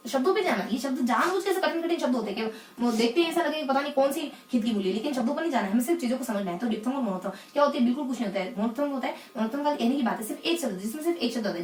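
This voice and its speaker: A woman teaching English phonetics in a lesson, asking the class questions and answering them herself, and repeating key words slowly. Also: high voice, a little mellow, roomy sound, recorded from a distance, slight background noise. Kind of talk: explanatory lesson in Hindi.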